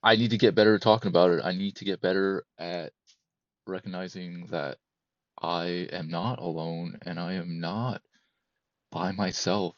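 A man in his thirties, a podcast guest, talking candidly and emotionally in a halting, repetitive way that keeps circling back. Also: low voice, steady tone, no room sound, muffled recording. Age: 30s. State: emotional, close to breaking. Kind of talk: candid personal conversation.

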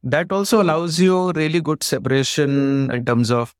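A man's voice: a little high, steady tone, normal speed, clear, resonant tone, dry recording, studio quality. A man with an Indian accent explaining his work step by step in an interview, in articulate conversational speech. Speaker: company founder being interviewed.

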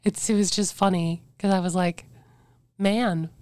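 A woman in her forties with a hoarse, weakened voice, telling her story as a podcast guest in a candid, reflective way. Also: fairly low pitch, little pitch movement, brisk, darkish tone, no echo. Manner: earnest, reflective, breaks into faint whispers.

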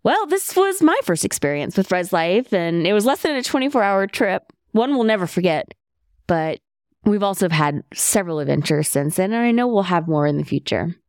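A woman's voice: on the low side, big pitch swings, moderate pace, darkish tone, dry recording, studio quality. A woman hosting a podcast from her bedroom at home, telling a story and then introducing her guest, laughing easily. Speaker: podcast host.

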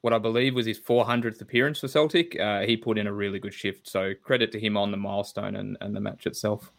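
Male co-host, low and monotone, measured match analysis. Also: gravelly. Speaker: podcast co-host. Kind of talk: casual football chat.

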